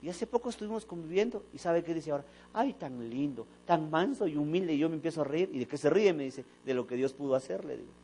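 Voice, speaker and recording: A man's voice: a little high, very fast, gravelly, few pauses, a little hiss or hum, rough recording. A man preaching a sermon in a church, telling stories and acting out the dialogue. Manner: animated storytelling, acting out dialogue. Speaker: pastor. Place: church sanctuary.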